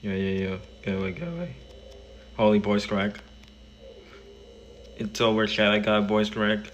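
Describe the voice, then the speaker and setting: A man streaming a game, talking casually to his chat in quick rambling bursts and restarts. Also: fairly low pitch, highs cut off, a little hiss or hum. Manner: rambling, talks to chat while playing; quick bursts, trailing off mid-sentence. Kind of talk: casual gaming livestream chat.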